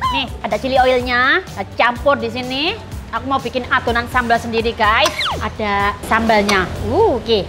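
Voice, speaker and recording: A woman hosts an eating show in a high voice. She chats to viewers playfully, exclaiming as she eats spicy soup and meatballs. Loud music plays under her talk. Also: moderate pace. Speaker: food vlogger host. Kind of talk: mukbang vlog chat to viewers. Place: small eatery, indoors.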